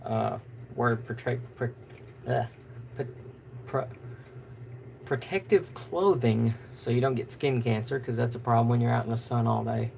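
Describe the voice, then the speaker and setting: Casual male fishing host, gravelly and monotone, rambles on with fillers during a live stream. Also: mid-range voice, a little slow, pauses often, slight background noise.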